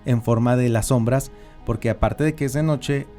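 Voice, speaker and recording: A man's voice: medium pitch, normal speed, warm tone, faint music behind. A man co-hosting a podcast in a casual, conversational chat. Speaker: podcast co-host.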